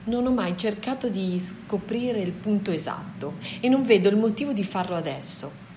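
Wise male gorilla teacher voiced by a woman, calm, measured, a little louder than her narration, faint hiss behind. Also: medium pitch, natural voice. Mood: calm, explaining.

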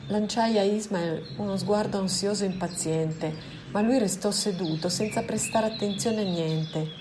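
A woman narrating a novel aloud as an audiobook reading, in a calm, measured way. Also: medium pitch, noisy background. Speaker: reader.

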